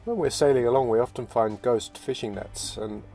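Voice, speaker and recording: A man narrating his sailing vlog in a relaxed, reflective voice-over, often restarting his phrases. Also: mid-range voice, moderate pace, vocal fry. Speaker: sailing vlogger. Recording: voice-over with loud music behind.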